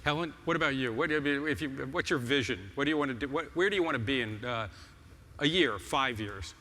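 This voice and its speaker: A man's voice: medium pitch, expressive, fairly quick. A man hosting a stage interview at a conference, chatty, with many restarts. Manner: warm, chatty, stumbling restarts. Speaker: host on stage. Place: large conference hall. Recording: reverberant hall, stage mic.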